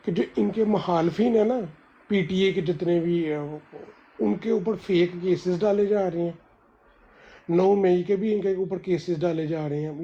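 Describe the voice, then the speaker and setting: A man's voice: high voice, mellow, lo-fi sound. A man in rambling, heated political commentary on a group call, full of restarts and fillers.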